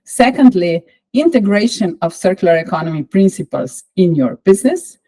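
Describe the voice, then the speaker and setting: A woman with a Slovenian accent lecturing on a course, measured and explanatory, with frequent pauses and fillers. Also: lowish voice, sing-song, dark tone, rough recording.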